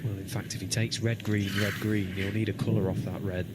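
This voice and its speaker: A man giving quiet live snooker commentary, explaining things calmly and methodically. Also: on the low side, fairly quick, crowd noise. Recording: noisy live broadcast with background ambience.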